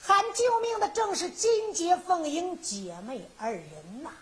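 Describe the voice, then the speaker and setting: High-voiced woman singing folk ballad storytelling. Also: wildly swooping pitch. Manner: alternates sung verse and brisk dialogue. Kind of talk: Henan zhuizi sung storytelling. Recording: loud folk instrumental accompaniment.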